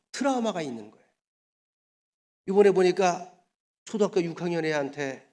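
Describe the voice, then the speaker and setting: Man, pastor, high voice, chatty sermon full of questions to the pews, long church reverb. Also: darkish tone. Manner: colloquial, rhetorical questions to the congregation. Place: church sanctuary. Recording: echoey church hall.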